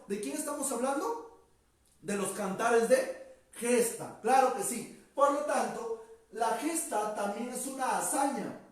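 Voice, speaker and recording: A male teacher giving a vocabulary lecture, stretching out key words for emphasis and ending sentences with quick tag questions. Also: extremely high pitch. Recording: echoey room, distant mic.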